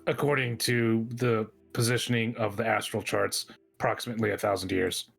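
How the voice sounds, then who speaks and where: A man playing an ancient, formal, literal robot in a tabletop game, speaking in a deadpan monotone with dry satire. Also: on the low side, normal speed, vocal fry, breathy edge, faint music behind, exaggerated voice. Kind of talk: in-character tabletop role-play.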